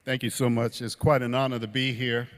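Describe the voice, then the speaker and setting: A man giving a hesitant acceptance speech, pausing often with fillers. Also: mid-range voice, flat delivery, in a large hall, slight background noise. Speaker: award acceptor, musician. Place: large hall.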